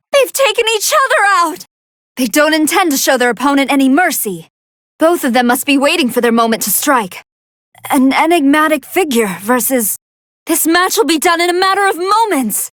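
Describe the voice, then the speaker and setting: A woman's voice: very high-pitched, a bit bright, dry recording, studio quality. A woman voicing a brainy female android scientist who gives articulate, analytical commentary on battles in a video game. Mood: excited, amazed. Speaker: fight commentator.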